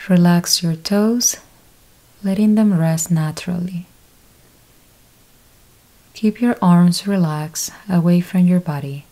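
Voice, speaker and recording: Speaking in a low, mellow register, a woman who teaches yoga nidra takes listeners through a deep-rest meditation. Her short, calm instructions come one step at a time, delivered very slowly and separated by long silences, never hurried.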